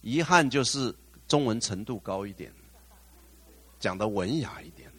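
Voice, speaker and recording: A man's voice: fairly low pitch, lively intonation, unhurried, a bit bright, breathy edge. A male pastor preaching a sermon, putting questions to the congregation, slipping in English phrases and rising to fervent exclamations.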